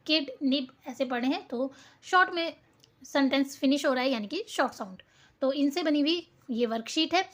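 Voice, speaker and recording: A woman teacher, going through a worksheet, spelling each word out letter by letter and asking and answering her own questions. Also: high-pitched. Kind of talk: classroom lesson explaining a worksheet.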